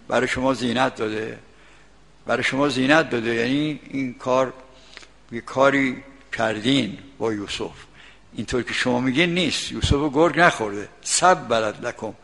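Older male preacher with a gravelly voice, recites verses and glosses them in plain talk, reverberant hall recording. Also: medium pitch, a bit bright. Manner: recites Arabic verses, then explains them in colloquial Persian. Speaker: Quran commentator. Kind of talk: religious commentary lesson.

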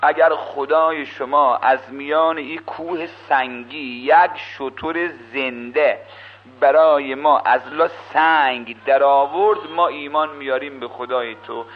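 A man's voice: medium pitch, close to an everyday voice. A man playing a crowd of stubborn idol-worshipping townsmen, speaking in a pleading, bargaining tone, on a dull old radio recording.

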